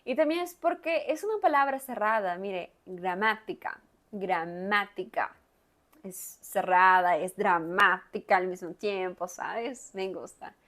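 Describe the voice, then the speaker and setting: Woman language teacher, unhurried and careful, repeats words and leans hard on each sound for learners to copy. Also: medium pitch, expressive, fairly bright tone. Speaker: Spanish teacher. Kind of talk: guided reading lesson with pronunciation drills.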